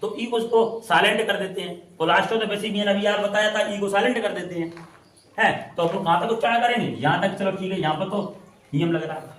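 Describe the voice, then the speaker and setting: Heard from a distance in an echoey room with a little hiss or hum, a man with a high, somewhat bright voice gives classroom-style English pronunciation lessons. He repeats words and stretches out their spelling as he explains.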